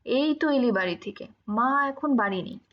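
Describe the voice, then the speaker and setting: A woman voicing a gentle, teasing middle-aged village husband in an audiobook, speaking with patient coaxing. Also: fairly high pitch, lively intonation, moderate pace, dull audio.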